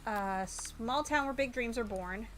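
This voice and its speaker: Her voice is fairly high and a little slow, with slight background noise behind it. As a VTuber streamer commentating a live game, she mutters while reading on-screen text and breaks into loud, exasperated outbursts.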